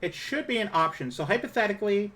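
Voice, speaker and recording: A woman with a low-set feminine voice chatting casually on a livestream, hesitant, apologetic and self-conscious in her manner. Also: expressive, fast, a bit bright. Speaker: live streamer.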